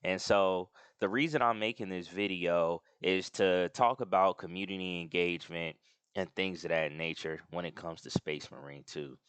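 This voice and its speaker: A man with a deep, smooth voice talks loosely over a screen-share, looping back with fillers and restarts. The sound is dry and close, with no room around it. He has the hiccups and keeps pausing to excuse himself. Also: fairly bright tone, dry recording. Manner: rambling with many fillers and restarts. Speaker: gaming channel host. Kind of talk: casual screen-share commentary.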